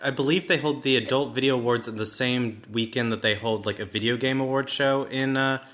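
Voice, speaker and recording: Bright-voiced dry-witted co-host. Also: medium pitch, fairly quick. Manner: dry jokey asides, swears casually. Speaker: podcast co-host. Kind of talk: casual chat.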